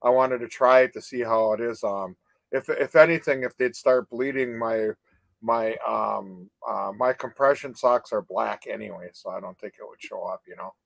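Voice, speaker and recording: A man's voice: on the low side, normal speed, creaky, no room sound, poor audio. Older male co-host, casual, rambling delivery full of restarts, dry close sound. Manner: rambling, many restarts and "you know?" tags. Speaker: co-host of a live advocacy chat. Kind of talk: casual live-stream chat.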